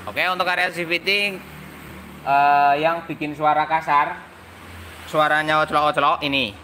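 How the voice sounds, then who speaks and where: A man's voice: on the high side, little pitch movement, normal speed, bright, forceful tone, a little hiss or hum. A man with a Javanese accent who works as a motorbike mechanic, explaining a repair hands-on and imitating machine noises.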